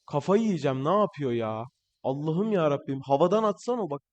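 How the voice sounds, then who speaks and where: Young male gamer, higher-pitched voice, excitable live commentary, strained from yelling. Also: fairly quick, dull audio. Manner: excitable, shouting at players on screen. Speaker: gaming channel host.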